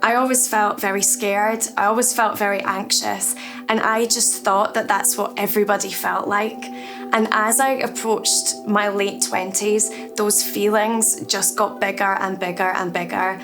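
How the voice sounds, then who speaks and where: A woman's voice: mid-range voice, flat delivery, measured pace, over music. A woman in her thirties from Edinburgh with a Scottish accent, speaking reflectively and candidly in a documentary interview. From Scotland, Edinburgh. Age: 30s. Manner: reflective, candid, softly spoken. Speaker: artist.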